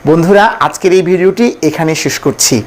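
A man with a Bangladeshi Bengali accent teaching a pronunciation lesson, drilling each letter and syllable slowly for the class to repeat. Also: fairly high pitch, a little hiss or hum. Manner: slow, deliberate, syllable-by-syllable drilling.

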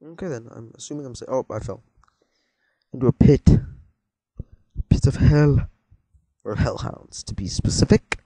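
A warm, medium-pitched voice belongs to a teenage boy chatting at a moderate pace, broken by long pauses, as he plays a game. His let's-play commentary is casual and wandering, with easy scares and jokes for viewers, recorded with no room sound.

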